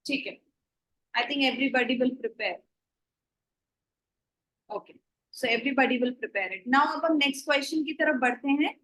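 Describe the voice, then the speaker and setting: A woman with a high voice teaches a class online, talking into a computer mic. She moves between Hindi and English as she explains points and tells the class what to do. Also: takes it slowly, pauses often, a bit bright, rough recording. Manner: mixes Hindi and English, gives instructions.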